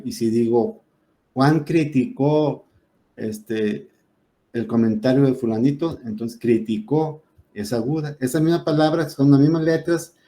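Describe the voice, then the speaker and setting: A man's voice: mid-range voice, mellow. A man teaching a spoken lesson on rules, explaining step by step with frequent fillers and self-corrections.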